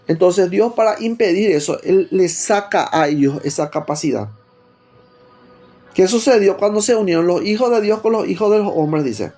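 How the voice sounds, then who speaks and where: A man's voice: high voice, warm tone. A man with a Rioplatense Spanish accent preaching a teaching sermon, stopping often to put rhetorical questions to his listeners.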